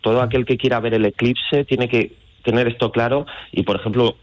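Calling in to an informal radio interview, this astrotourism guide from Madrid talks briskly in a flat, mid-range male voice with a central Spanish accent. He walks through things step by step, and the phone audio is dull and lo-fi.

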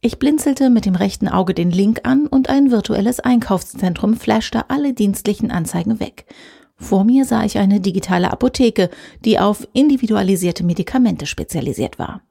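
A woman's voice: mid-range voice, lively intonation, normal speed, gravelly, warm tone, breathy edge. A woman reading a first-person short story aloud in a dry, sardonic tone. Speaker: audiobook reader. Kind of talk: scripted story narration.

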